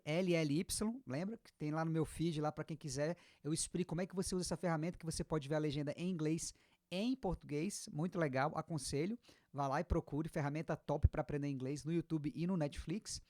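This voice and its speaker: Brazilian woman teaching, low and dry. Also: darkish tone, no echo. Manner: explains patiently, repeats example words slowly. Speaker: English teacher. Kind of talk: casual online lesson.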